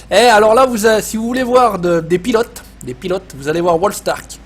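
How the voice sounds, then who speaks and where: A man's voice: sits high, fairly quick, soft background music. A man with a Savoyard French accent hosting a casual live gaming stream, swearing often, joking and reading chat messages aloud.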